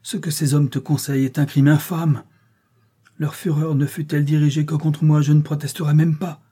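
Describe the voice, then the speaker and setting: A man's voice: a little high, flat delivery, normal speed, mellow, breathy edge, voice pushed up. A man reading aloud voices a desperate European mother who pleads with a sultan for her children's lives, crying out with great passion. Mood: pleading.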